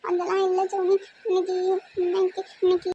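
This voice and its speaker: Woman doing a high-pitched nervous college girl. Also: flat delivery, a little fast, highs cut off, slight background noise. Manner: anxious, complaining. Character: timid young female college freshman.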